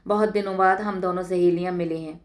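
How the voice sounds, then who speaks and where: A woman's voice: lowish voice, steady tone, a little fast, natural voice. A woman voicing an affectionate young village woman back from college, in a read-aloud story.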